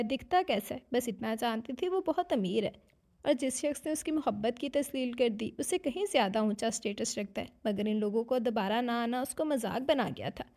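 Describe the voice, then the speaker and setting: A woman narrating a dramatic romance novel in a steady storytelling voice. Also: fairly high pitch.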